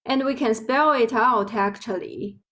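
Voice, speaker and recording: A woman with a Chinese accent, a Mandarin speaker from Beijing, gives an online language lesson. She talks slowly and carefully, drawing out her example words. Her voice sits a little higher than most. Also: fairly bright tone, poor audio. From Beijing, China. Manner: slow, careful explaining with drawn-out example words. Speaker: Chinese teacher.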